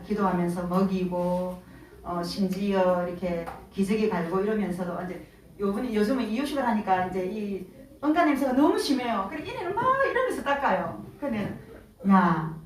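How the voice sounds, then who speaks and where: A woman's voice: fairly low pitch, a little hiss or hum. Woman preaching from far in a roomy church. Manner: earnest, storytelling, animated quoting of family. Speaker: church speaker. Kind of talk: sermon with family stories. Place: church sanctuary. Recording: roomy church sound from far off, faint ambience.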